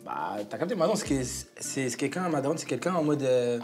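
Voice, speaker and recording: Halting slangy man telling a story. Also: mid-range voice, big pitch swings, music in the background. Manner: slangy, halting, many fillers. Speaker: guest. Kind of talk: casual storytelling among friends.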